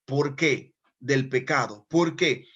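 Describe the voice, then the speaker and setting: A man preaching a sermon with emphasis, acting out little dialogues and swinging between loud bursts and hushed prayer. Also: medium pitch, takes it slowly, slightly rough. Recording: dull lo-fi sound.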